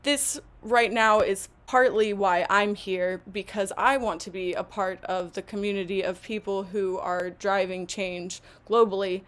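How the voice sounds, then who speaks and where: Slow-speaking woman teaching an online English lesson. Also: mid-range voice, steady tone, fairly bright tone. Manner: slow, deliberate, encouraging speech. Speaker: English teacher hosting a live session.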